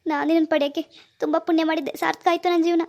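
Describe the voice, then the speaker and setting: A woman's voice: rapid-fire, creaky. A woman voicing a remorseful cartoon husband who begs his wife's forgiveness in a pleading, apologetic way. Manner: pleading, apologetic, flat pitch. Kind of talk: cartoon voice acting.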